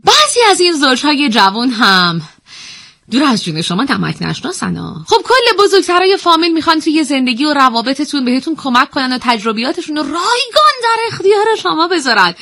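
A woman's voice: high voice, very animated, sharp tone. A woman presenting a chatty, mock-scolding comic radio monologue.

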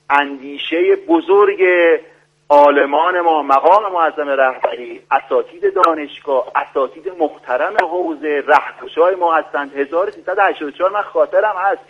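A man calling in by phone as a guest expert on a radio show, speaking formally in a lecturing way with many pauses. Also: a little high, breathy edge. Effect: voice heard over a phone line on the radio. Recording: dull lo-fi phone line.

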